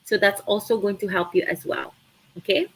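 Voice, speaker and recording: A young Filipina woman from the Philippines, a native Tagalog speaker with a Filipino accent, chats casually while answering viewers' questions on a live stream about an online course. Her medium-pitched voice is husky and a little fast, and she sounds chatty and animated, using many fillers. The recording quality is low.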